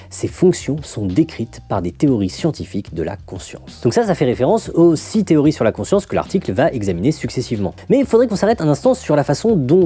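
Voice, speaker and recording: A man hosting an explanatory video essay, teaching in a lively, didactic way and dropping frequent asides. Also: medium pitch, breathy edge.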